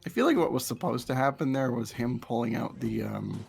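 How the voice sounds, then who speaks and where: A man's voice: mid-range voice, lively intonation, a little fast, vocal fry, darkish tone, slightly rough, soft background music. A young man co-hosting casual gameplay commentary, chatty and laughing, with frequent restarts. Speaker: gaming channel co-host.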